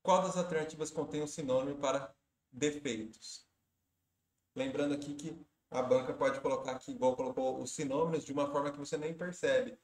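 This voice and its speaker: A man's voice: mid-range voice, steady tone, fairly quick, a little mellow. Brazilian male exam-prep teacher, methodical explainer, roomy echoey sound. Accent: Brazilian Portuguese. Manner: explanatory, step-by-step, with tips. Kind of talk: walking through exam questions.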